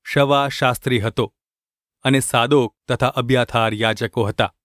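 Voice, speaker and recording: A man reading scripture aloud in a steady, measured manner. His voice sits in a plain middle pitch, and the sound is dry and close, with no room echo. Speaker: scripture reader.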